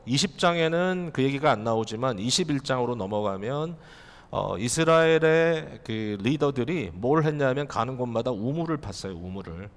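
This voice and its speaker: A male pastor delivers a sermon with an animated, rising and falling voice, speaking directly to his congregation and posing rhetorical questions. His voice rings out with a long reverb, as in a church hall. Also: medium pitch.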